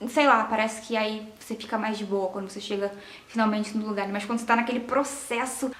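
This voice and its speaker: A young woman from Brazil telling a personal story to her viewers in an animated, emotional way. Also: medium pitch, fast talker. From Rio de Janeiro, Brazil. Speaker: vlogger. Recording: echoey room.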